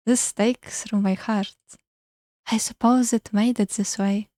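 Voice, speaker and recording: A woman voicing a gloomy, melancholy female vampire ghost from a dating game, speaking in a slow, airy, eerie way. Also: a little high, fairly even intonation, mellow, dry recording, studio quality. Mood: wistful. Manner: slow, solemn, philosophical. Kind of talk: reading a game character aloud.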